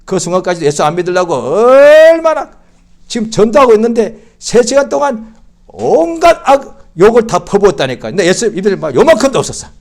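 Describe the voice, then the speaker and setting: A male pastor giving a Christmas sermon in church, swinging from loud outbursts to hushed, quiet speech. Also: sits high, very animated, fairly quick. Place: church service.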